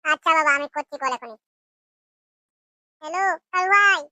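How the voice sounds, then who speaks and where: A woman's voice: sits high, moderate pace, sharp tone, no echo. A woman voicing a worried young married woman in a comic cartoon, anxiously pleading for help.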